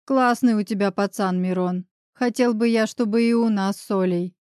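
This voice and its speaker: A woman's voice: medium pitch, fairly even intonation, moderate pace, darkish tone, smooth, dry recording, studio quality, lightly acted. A woman voicing a brash, sarcastic male lawyer friend in an audiobook. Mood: friendly. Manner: mocking, ironic.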